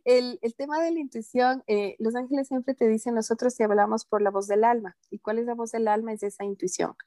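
A woman guest on a podcast, talking in a calm, earnest and gently reassuring way about spiritual matters. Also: on the high side, a little fast, no room sound. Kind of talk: casual interview talk.

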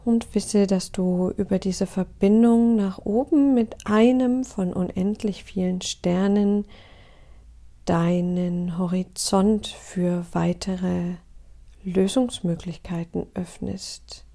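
A woman guides a meditation in a calm, soothing voice that is breathy and husky, often nearly a whisper. She leaves deliberate pauses, and her voice is mid-range.

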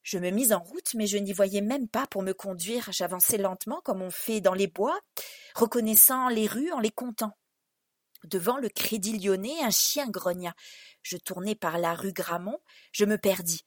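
A woman narrating literary prose as an audiobook, in an expressive, dramatic storytelling manner. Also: medium pitch, no echo, clean studio sound.

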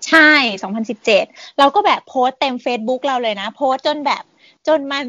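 A woman's voice: sits high, normal speed, a bit bright, dry recording, dull audio. A woman in her twenties, a guest chatting casually as an enthusiastic, talkative fan. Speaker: podcast guest, fan page admin. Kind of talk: casual chat.

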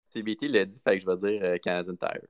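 Deep-voiced young man, chatty. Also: quick pace. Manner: chatty, slangy, animated storytelling. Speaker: podcast co-host. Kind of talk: casual chat.

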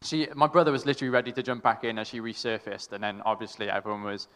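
A young man sharing a halting, affectionate story, with many restarts and laughs. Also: on the low side, fairly even intonation, a bit bright. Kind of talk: casual storytelling in a tribute. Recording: long reverb in a hall.

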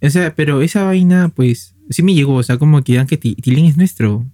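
A man's voice: on the high side, brisk, dark tone, no echo, clean studio sound. A young Peruvian man with a Peruvian Spanish accent, co-hosting a casual chat, chatty and full of slang and fillers. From Peru. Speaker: podcast co-host.

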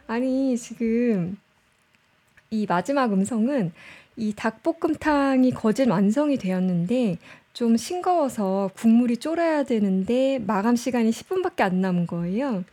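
A woman's voice: fairly high pitch, animated, unhurried, dark tone. A woman casually commenting on show clips, chatty and often laughing as she explains. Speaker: host reviewing show clips.

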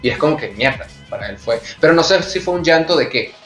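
A man's voice: on the high side, expressive, quick pace, a bit bright. A man with a Venezuelan Spanish accent, hosting a casual, candid chat and telling his stories frankly and with animation. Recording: echoey room with faint music.

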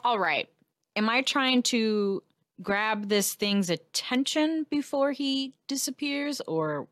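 A woman's voice: on the high side, lively intonation, takes it slowly, a bit bright, dry recording, studio quality. A woman chatting casually as a player in a tabletop game, thinking aloud and asking questions in a tentative way.

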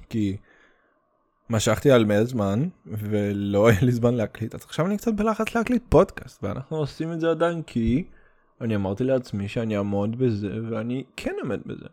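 A man's voice: medium pitch, mellow. Guy with a russian accent doing a solo podcast, slangy and sweary, rambles and restarts a lot, drops english words. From Soviet Union. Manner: rambling, stop-start delivery. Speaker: podcast host. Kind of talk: casual solo podcast monologue.

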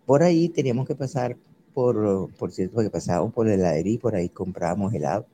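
Reminiscing man with a mellow voice. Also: on the low side, animated. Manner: slow, reminiscing, repeats words. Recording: faint background noise.

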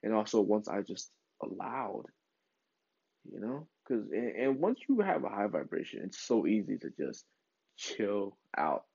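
A man's voice: lowish voice, sing-song, measured pace, creaky, darkish tone, slightly rough, no room sound. A man giving a casual, encouraging spiritual pep talk in an informal, rambling way, as a self-help vlog host. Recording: dull lo-fi sound.

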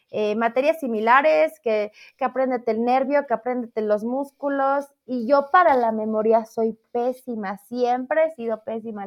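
A woman, a math teacher, chatting in an interview about her career path in a lively, self-deprecating way. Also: sits high. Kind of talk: casual interview chat. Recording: slightly dull lo-fi audio.

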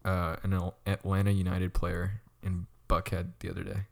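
A man's voice: sits low, monotone, normal speed, creaky, darkish tone. A young man co-hosting a casual chat, rambling with lots of stammered restarts and frequent laughter. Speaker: podcast co-host.

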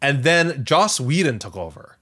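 This podcast co-host has a mid-range voice and talks a little slowly. He chats casually about tech and entertainment in an animated, rambling way, often stopping to correct himself.

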